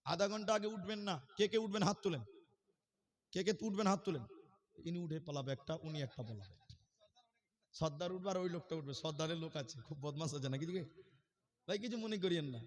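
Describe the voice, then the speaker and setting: A man from Assam preaching at a religious gathering, joking with the crowd and then swelling into loud, drawn-out chanting. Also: fairly high pitch. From Assam, India. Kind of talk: sermon with jokes and chanted verses. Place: outdoor gathering stage.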